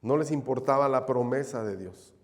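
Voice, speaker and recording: A man's voice: medium pitch, normal speed, darkish tone, long reverb tail. A male pastor preaching a sermon. He calls his listeners brothers and repeats his key phrases. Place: church sanctuary.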